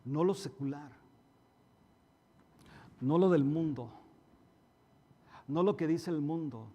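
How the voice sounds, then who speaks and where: A male pastor preaches in a fairly high voice. He is emphatic, acting out quarrels in a raised voice, then dropping to quiet asides. The sound carries a long reverb from the church hall. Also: slow pace, slightly rough, lo-fi sound. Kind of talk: sermon.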